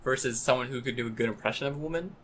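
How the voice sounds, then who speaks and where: A man co-hosting a casual podcast chat, thinking out loud in a reasoning way. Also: mid-range voice, rapid-fire. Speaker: podcast co-host.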